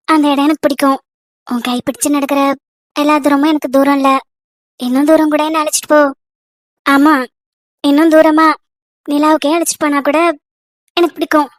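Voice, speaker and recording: A devoted young wife, as a woman voices her in a cartoon romance. She speaks in a soft, high and affectionate voice. The sound is dry and close. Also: level tone, moderate pace, long pauses, no echo, close to an everyday voice. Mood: tender.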